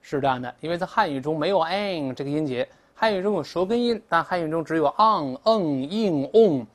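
A woman English teacher explains words in Mandarin in a classroom lesson style. Her pitch swings widely as she drills pronunciation, repeating words loudly for students to copy. She moves between brisk explanation and slow, careful example sentences. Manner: animated, drills pronunciation aloud with repetition.

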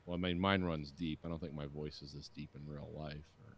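With an extremely low pitch and steady tone, a man in his forties talks a little fast while hosting his podcast. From a dim home studio, using a boom-arm studio mic and headphones, he rambles through crude banter, curses freely and does impressions of people.

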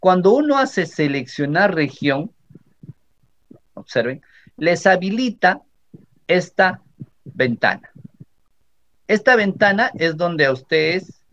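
A man with a Peruvian Spanish accent, teaching a software tutorial for teachers step by step and often checking that his listeners are following. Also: high-pitched, very animated, takes it slowly, long pauses. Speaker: teacher training instructor. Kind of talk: screen-recording software tutorial. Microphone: computer microphone. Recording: slightly dull lo-fi audio.

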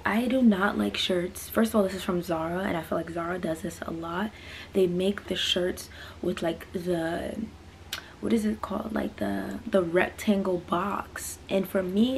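In a small bedroom, a twenty-year-old fashion vlogger casually rambles through trying on clothes, with lots of fillers and asides. Her voice is medium-pitched and gravelly, picked up by a camera on a stand at mid-distance, with slight background noise.

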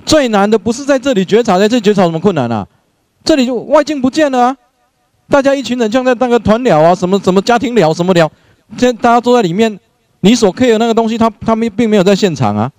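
A man giving an animated spiritual lecture, acting out scenes and laughing often. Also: very high voice, quick pace, dry recording. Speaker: lecturer, doctor. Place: lecture room.

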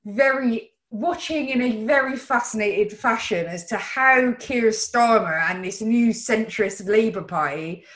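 A woman's voice: a little high, a little slow, few pauses, a bit bright. West Country woman in an echoey room. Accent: West Country English. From Bristol, England. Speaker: host. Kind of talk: casual political discussion. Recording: roomy, echoey video call.

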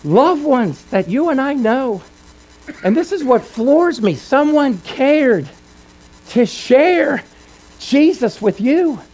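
A middle-aged man preaching an impassioned revival sermon. He tells stories dramatically, swinging between hushed, low passages and loud, raised ones. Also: very animated, slow pace, rough recording. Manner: dramatic storytelling with big swings of pitch and loudness. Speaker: evangelist.

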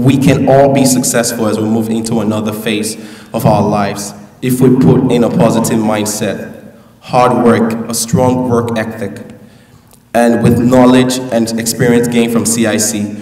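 A young valedictorian speaks at a podium in a big school hall, mixing his graduation speech with joking asides to the crowd. His medium-pitched voice is flat and a little mellow, and his pace is measured. The echoey recording comes from a podium mic heard at a distance.

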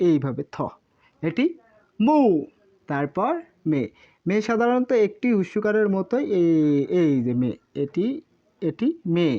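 Woman teacher going thru each letter slow and patient, lowish voice, kinda dull lo-fi audio. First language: Bengali. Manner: patient, repeats syllables slowly. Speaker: Japanese language teacher. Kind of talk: step-by-step lesson, drawing and reciting. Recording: dull lo-fi sound.

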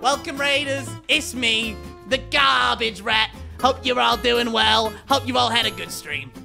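A man with a Sheffield accent voicing a scrappy, scheming male garbage rat who rambles excitably in a game role-play. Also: extremely high pitch, moderate pace, creaky, soft background music, heavily acted. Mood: rambling. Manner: rambling, excitable, shouts in bursts. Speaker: streamer.

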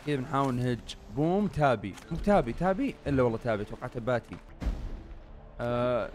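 A young man giving excited, chatty gameplay commentary straight to his viewers. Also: mid-range voice. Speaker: gaming YouTuber.

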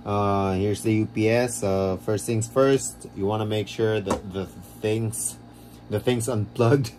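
A man vlogging a casual how-to walkthrough, explaining in a rambling, halting way, recorded on a low-quality phone camera. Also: fairly even intonation, over music. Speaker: DIY vlogger.

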